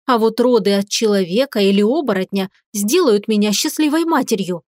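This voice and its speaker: A woman voicing a defiant, sharp-tongued young wife who argues with sarcasm and passion. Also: medium pitch, fairly quick, no room sound, clean studio sound, lightly acted. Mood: indignant. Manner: indignant, sarcastic, impassioned.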